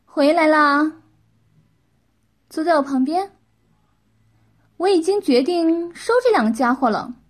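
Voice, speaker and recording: A woman's voice: high-pitched, animated, unhurried, pauses often, voice pushed up. A woman voicing a bossy, playful young wife who teases and gives orders in a story reading. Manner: teasing, commanding.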